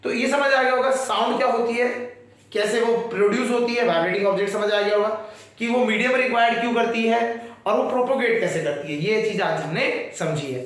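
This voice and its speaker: A man's voice: extremely high pitch, a little fast, a bit bright. A man teaching a science class, explaining patiently and often checking whether his students follow, with terms. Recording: very echoey room.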